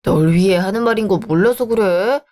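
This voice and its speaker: A woman voicing a bossy married man who pushes and scolds in a lowered voice. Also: moderate pace, darkish tone, close to an everyday voice. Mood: coaxing. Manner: pushy, scolding, lower-pitched. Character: bossy married man, sister-doting husband.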